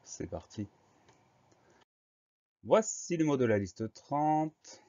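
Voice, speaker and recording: Man, spelling teacher, patient, letter-by-letter dictation, middle pitch, slightly dull recording. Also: sing-song, slow, dark tone. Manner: patient, explains step by step. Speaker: primary school spelling teacher. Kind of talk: slow, methodical spelling lesson.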